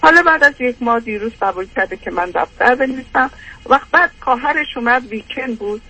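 A woman's voice: on the high side, lively intonation, sharp tone, slightly rough, low-quality recording. An older woman calling in, rambling through an aggrieved personal complaint with many hesitations.

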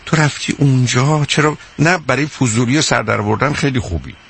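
A man's voice: medium pitch, creaky, fairly bright tone, slight background noise. A middle-aged man hosting a radio call-in advice show, answering a caller bluntly with sarcasm and teasing.

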